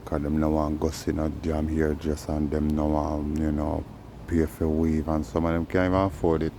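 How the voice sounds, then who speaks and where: A man speaking in Rastafarian patois, rambling casually in a drawn-out, preachy way with frequent tag phrases. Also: extremely low pitch, completely flat delivery, warm tone, a little hiss or hum. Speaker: host. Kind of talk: casual rambling vlog monologue in Rastafarian speech.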